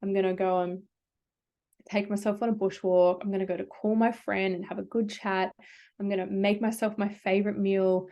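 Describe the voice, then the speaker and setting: A woman coaching a workshop group in a loose, conversational way. She rambles a little, stacks up "like"s and restarts her sentences, with a voice of middling pitch. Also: little pitch movement, moderate pace, mellow, highs cut off. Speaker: business coach. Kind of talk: workshop talk with personal anecdotes.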